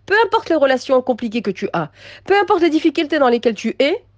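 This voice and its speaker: A woman giving an inspirational religious talk to women, emphatic and repetitive, moving between soft passages and raised ones. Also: high-pitched, big pitch swings, fast, no room sound, muffled recording. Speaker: religious teacher addressing women.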